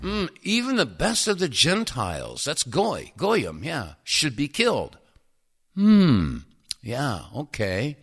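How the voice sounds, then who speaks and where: A male talk radio host giving commentary, interjecting and pausing clips as he goes. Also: on the high side, huge pitch swings, slightly rough.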